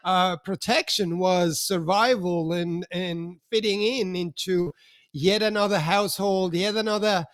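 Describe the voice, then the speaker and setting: A man's voice: sits high, steady tone, measured pace, dry recording, clean studio sound. A man in his fifties from Switzerland, an enthusiastic interview guest who talks with many fillers and restarts. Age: 50s. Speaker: podcast guest, mentor. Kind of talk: conversational interview.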